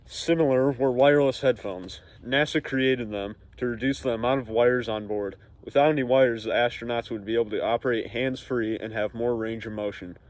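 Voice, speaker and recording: A man's voice: mid-range voice, steady tone, normal speed, few pauses. A man delivering a scripted mock news report as an anchor, with opinionated commentary. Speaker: news anchor in a parody broadcast.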